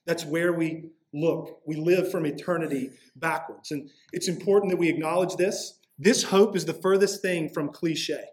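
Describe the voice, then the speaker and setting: A man's voice: on the high side, fairly even intonation, normal speed, few pauses. A man preaching a sermon as pastor, earnest and emphatic.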